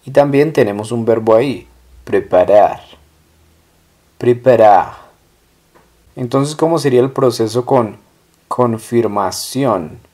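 A man's voice: medium pitch, a little mellow. A man teaching a language lesson, stating example phrases and then repeating them patiently. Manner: patient, drawn-out model words.

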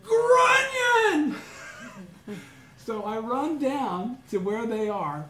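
A middle-aged man from Southern California tells a personal story to a small study group. He acts out his own past words, sometimes shouting or chanting. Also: sits high, animated, slow pace, crowd noise. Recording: echoey room with faint background noise.

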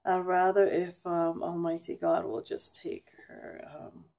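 Subdued, sad woman with a mellow low voice. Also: little pitch movement, creaky. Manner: subdued, hesitant, halting. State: sad, emotionally weary. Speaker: vlogger. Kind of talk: personal emotional vlog, casual talk. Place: wood-panelled basement room at home, indoors. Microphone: handheld camera at arm's length.

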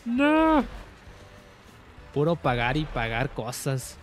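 Young male streamer, Mexican Spanish accent, relaxed slow pace, joking outbursts over clear background music. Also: fairly high pitch. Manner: joking, excitable outbursts with laughs. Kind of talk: casual gameplay commentary.

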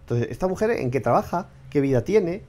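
A man's voice: on the high side, expressive, brisk, a little mellow. Blunt ranting man. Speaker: vlogger commenting on clips and AI tools. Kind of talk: casual commentary.

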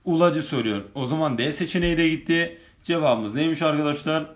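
Speaking fairly quickly and at a fairly high pitch, a male teacher holds an online grammar session where he reads exam questions out loud and walks students through each answer.

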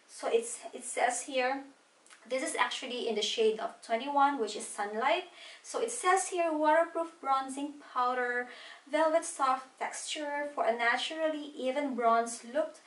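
Woman, thirties, beauty vlogger; chatty and step-by-step, high voice, roomy echo. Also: far from the mic. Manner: chatty, walks through each product step by step. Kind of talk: casual makeup tutorial. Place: small home room at a desk.

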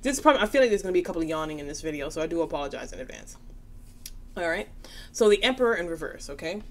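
A woman's voice: on the low side, lively intonation, very fast. A tired woman giving a casual tarot reading, chatty and reassuring, often checking in with "okay?". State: tired, yawning. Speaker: tarot reader.

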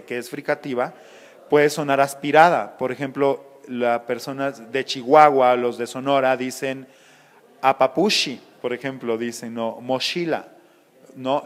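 Voice teacher explaining sounds slowly, mid pitch, bit of hall echo. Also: male voice, fairly even intonation. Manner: didactic, measured, explains with examples. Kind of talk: explanatory interview answers.

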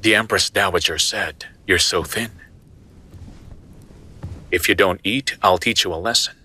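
A man dubbing a gentle young nobleman and devoted husband who speaks calmly and softly. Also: deep voice, unhurried, slightly rough, heavily acted. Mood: teasing. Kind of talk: English drama dub.

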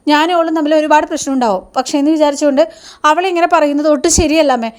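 Young man standing up to his mother, firm and pleading, read by a woman in her own high voice. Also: rapid-fire, darkish tone, lightly acted. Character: grown son defending his wife.

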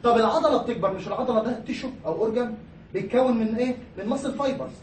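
Racing along in a very high voice, the pathology lecturer with an Egyptian Arabic accent mixes in English medical vocabulary and answers the questions he puts to his class. The recorded lecture comes from an echoey room, his voice far off the mic with a little hiss or hum.

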